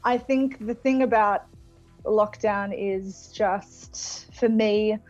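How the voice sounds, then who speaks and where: An Australian woman talks informally and reflectively as a music guest in an interview. Her voice is medium in pitch. It comes over a slightly lo-fi, dry video call with music faintly behind. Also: slow, a little mellow. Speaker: singer-songwriter guest being interviewed. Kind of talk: casual chat interview. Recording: phone-like thin sound of video call.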